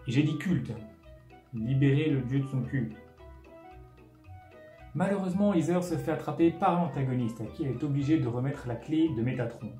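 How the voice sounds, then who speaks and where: This man narrates a scripted, comedic film recap as host, sarcastic and packed with casual asides. His mid-range voice is warm, with lively intonation, a normal speed, and long pauses. Music runs underneath, and the room echoes.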